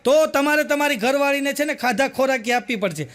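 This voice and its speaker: A man's voice: very high voice, brisk, a bit bright. A man tells one comic story after another. He acts out the characters' lines and chuckles at his own punchlines. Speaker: comedian. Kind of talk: stand-up joke telling.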